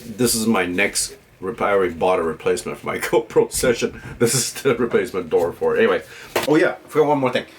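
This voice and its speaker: Deep-voiced man rambling through a gear review. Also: animated, fast, slight background noise. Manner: rambling, opinionated, checks in with "right?" and "okay?". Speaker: tech reviewer vlogger. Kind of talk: casual unscripted camera gear review.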